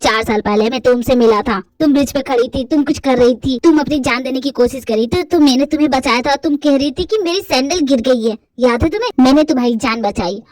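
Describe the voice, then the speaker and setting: A hot-headed young mafia boss barks orders and scolds in a bossy tone, as a woman voices him in a fan dub. The voice sits fairly high for a man. The recording is dry and close, with no room sound. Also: fairly quick, hardly any pauses, darkish tone, dry recording, close to an everyday voice. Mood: accusing. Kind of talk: amateur fan dub acting.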